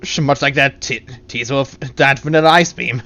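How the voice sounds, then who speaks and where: A man's voice: mid-range voice, fairly even intonation, moderate pace, bright, forceful tone, faint music behind. A man from England with an English accent, casually talking to himself in playful, rambling commentary while streaming a video game. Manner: rambling, playful self-talk with giggles. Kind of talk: casual live gameplay commentary.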